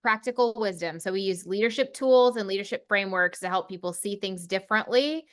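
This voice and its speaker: Confident articulate woman, smooth voice. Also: medium pitch, fairly quick. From Oklahoma. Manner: confident and articulate, self-deprecating. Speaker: podcast guest, CEO of a consulting firm. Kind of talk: casual interview chat.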